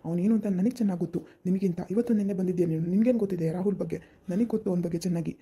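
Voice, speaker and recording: A loyal, stern husband who scolds his angry wife in rapid bursts, as a woman acts him out. The voice is dark and very husky, and the words tumble out fast. This is an amateur village drama. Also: on the low side. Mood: scolding. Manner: scolding, pleading, fast and insistent. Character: grown man, loyal friend, stern husband.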